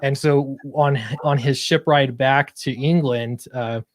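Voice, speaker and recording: A comic book creator appears as an interview guest, chatting casually and earnestly about his own project. He speaks slowly, with medium pitch and fairly even intonation.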